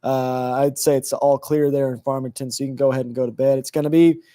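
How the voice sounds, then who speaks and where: A man co-hosting a live weather stream, easygoing and reassuring as he reads out towns and tells viewers they are in the clear. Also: medium pitch, steady tone, quick pace, warm tone. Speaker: weather co-host.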